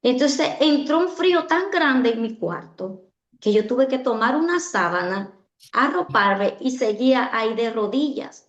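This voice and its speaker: A woman's voice: fairly high pitch, expressive, a little slow. Earnest woman in an echoey room. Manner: earnest, repeats phrases for emphasis. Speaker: guest giving a testimony. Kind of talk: emotional personal testimony. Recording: echoey, dull-sounding room.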